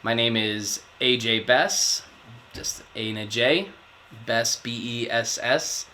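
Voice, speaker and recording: A man in his thirties answering interview questions in a thoughtful, measured way with pauses. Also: mid-range voice, bright, forceful tone, slight background noise. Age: 30s. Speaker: interviewee, project manager.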